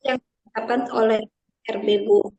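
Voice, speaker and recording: Woman, choppy breaking-up call audio, muffled, husky, hesitant online question. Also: fairly high pitch, flat delivery, moderate pace, mellow. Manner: hesitant, polite, with fillers. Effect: choppy, breaking-up video call audio. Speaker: meeting participant asking a question. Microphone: video call.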